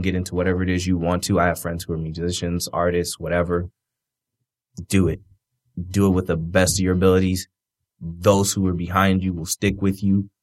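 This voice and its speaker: A man with a very low, even voice speaks earnestly and steadily, offering encouragement as a guest. His delivery stays measured and unhurried. The sound is close and dry. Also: dry recording. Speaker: wrestler guest. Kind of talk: motivational closing words.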